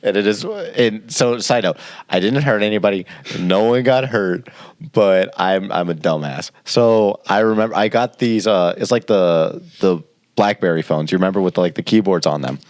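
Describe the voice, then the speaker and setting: A young man in his twenties co-hosting a podcast, telling a rambling, animated story and laughing as he goes. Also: fairly low pitch, normal speed, no room sound. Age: 20s. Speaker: podcast co-host. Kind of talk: casual storytelling chat.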